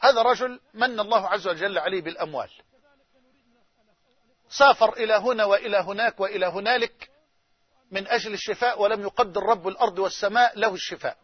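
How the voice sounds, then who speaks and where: An Egyptian-accented male preacher with a strikingly high voice delivers an impassioned, story-driven sermon. The recording is dull and dry, with no room echo at all. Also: fast, husky. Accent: Egyptian Arabic.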